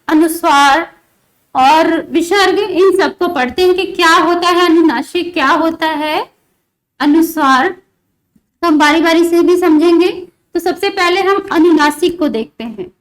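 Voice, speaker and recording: A woman teaching a grammar lesson, explaining slowly and repeating examples, often checking whether the students understand. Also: very high-pitched.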